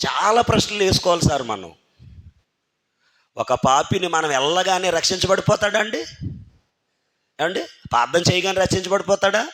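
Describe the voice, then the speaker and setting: Male preacher, high voice, emphatic sermon full of questions put to listeners. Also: moderate pace, pauses often, a bit bright. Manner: keeps firing rhetorical questions at the congregation and calling on listeners by name; emphatic, urging listeners to think carefully. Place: church hall.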